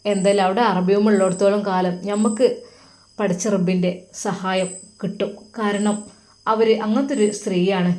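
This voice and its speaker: A woman with a Malappuram Malayalam accent voicing a gentle, caring elderly father in a storybook tale. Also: mid-range voice, steady tone, moderate pace, natural voice. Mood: tender. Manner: soft and comforting.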